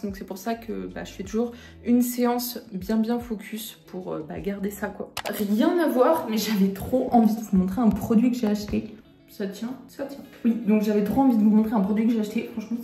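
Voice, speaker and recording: A young fitness and food vlogger chats casually and enthusiastically in her home kitchen, talking freely with plenty of fillers. Her voice is mid-range and mellow, and the recording is reverberant.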